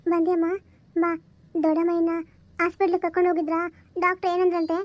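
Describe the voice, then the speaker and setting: A woman voices a weary young mother who coaxes and reassures her child, in a high and level voice. This is a homemade family drama recorded dry and close. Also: little pitch movement, fast talker, dry recording, muffled recording. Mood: soothing. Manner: soft and coaxing. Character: young mother, burdened, soothing and protective.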